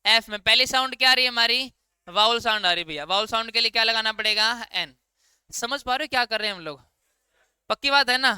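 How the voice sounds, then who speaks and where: A man's voice: very high voice, fast, bright, forceful tone, smooth, no room sound. A male teacher gives an informal classroom grammar lesson, quizzing his students and answering his own questions. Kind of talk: classroom lecture.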